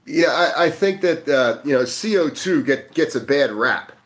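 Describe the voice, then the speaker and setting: A man's voice: fairly high pitch, lively intonation, moderate pace. A man speaking earnestly in a casual podcast conversation, coaching listeners on breathing, sometimes growing emphatic. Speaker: breathwork guest.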